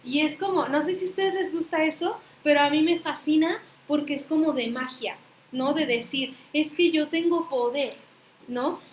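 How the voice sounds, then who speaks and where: A woman's voice: sits high, normal speed, echoey room, a little hiss or hum. A woman with a Mexican accent, teaching a spiritual study group in a chatty storytelling way, acting out dialogue and often asking "¿no?". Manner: chatty storytelling, acts out dialogue, frequent tag questions. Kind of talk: casual spiritual teaching talk.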